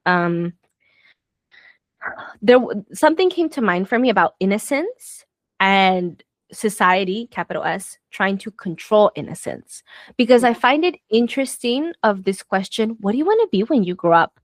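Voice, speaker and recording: Raised in Southern Florida, in the United States, and a first-language Spanish speaker, she chats reflectively and casually, her speech full of fillers, restarts and flashes of exasperation. She has a mid-range voice, animated at a moderate pace, recorded with no echo.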